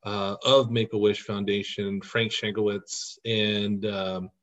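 A man's voice: lowish voice, level tone, slow. A man guest on a podcast telling heartfelt stories in an earnest, at times emotional way. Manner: earnest, emotional when recounting. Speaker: podcast guest, costumed volunteer. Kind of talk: storytelling in an interview.

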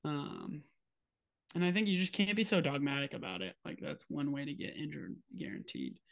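A young man co-hosting a podcast in relaxed casual chat, talking with many fillers and laughing easily. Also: fairly high pitch, moderate pace, vocal fry. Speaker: podcast co-host.

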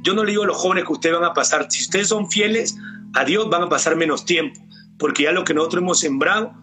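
A man's voice: a little high, fast talker. A middle-aged man with a Peruvian Spanish accent giving an earnest faith testimony as a church cell leader, often addressing his pastor. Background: soft guitar music.

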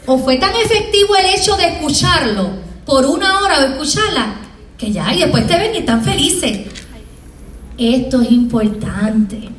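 High-voiced Puerto Rican woman lecturing. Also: slight background noise. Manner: lively, acts out scenes in small voices. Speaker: university professor. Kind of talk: motivational talk to students. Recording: echoey room, from far off.

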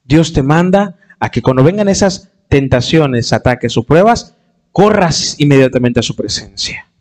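A man's voice: animated, normal speed, darkish tone. A man preaching a sermon in an impassioned way, acting out the voices of hurting people. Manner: impassioned, acts out quoted voices with rising pitch.

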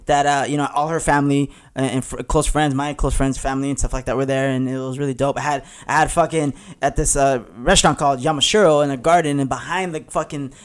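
A young man hosting a casual chat, animated and profane, often laughing and jumping into squeaky impressions. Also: fast, hardly any pauses, clear, resonant tone. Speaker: podcast host.

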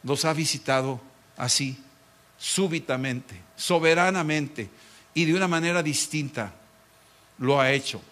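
A middle-aged pastor, preaching a dramatic sermon and acting out mocking voices. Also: male voice, fairly high pitch, measured pace, a bit bright.

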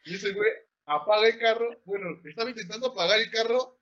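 A young man with a Mexican Spanish accent tells a rowdy story in casual chat, swearing freely and piling on slang. His voice sits a little high. The recording sounds muffled and lo-fi. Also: fast talker, crowd noise. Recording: dull lo-fi sound.

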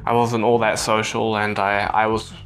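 A man's voice: on the low side, flat delivery, moderate pace, fairly bright tone, soft background music. A young man with a New Zealand accent talking casually and earnestly as a solo podcast host into a phone voice recorder, like a personal dictaphone note. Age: young adult. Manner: earnest, reflective.

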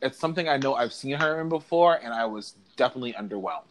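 Casting: male co-host for runway commentary, sassy drag-queen slang, campy and giggly, very lively pitch swings. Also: fast, low-quality recording. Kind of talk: casual chat, commentary.

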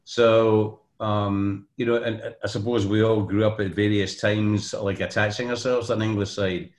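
An older Scottish man chats as a podcast guest, his fairly low voice winding through anecdotes full of ums and false starts. The recording has a noticeably roomy echo. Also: little pitch movement, normal speed. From Scotland. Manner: rambling anecdotal storyteller, many ums and restarts. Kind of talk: casual podcast chat.

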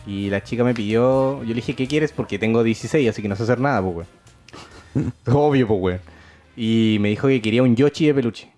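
A man's voice: medium pitch, brisk, soft background music. A young man with a Chilean accent telling a story in a casual chat, full of slang and acted-out outbursts. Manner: animated storyteller, heavy slang, acts out scenes with loud outbursts. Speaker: podcast co-host.

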